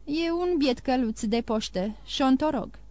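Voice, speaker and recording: A loyal manservant, earnest and dutiful, speaking plainly to his master, as a woman reads him in a storybook. The voice is fairly high and the recording is dry and close. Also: expressive, a little mellow, no room sound.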